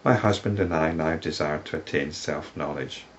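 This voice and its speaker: A man's voice: extremely low pitch, normal speed, dull audio, slight background noise. A man reading as an imploring woman seeker. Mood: pleading. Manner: earnest, imploring recitation. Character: pleading woman seeker from a sacred text.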